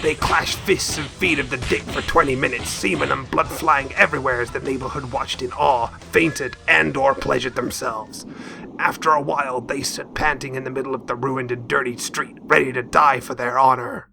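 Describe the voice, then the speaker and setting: A man narrating a silly, crude fight story in a deadpan, mock-epic storytelling style. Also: medium pitch, normal speed, creaky, music in the background. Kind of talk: comic scripted narration.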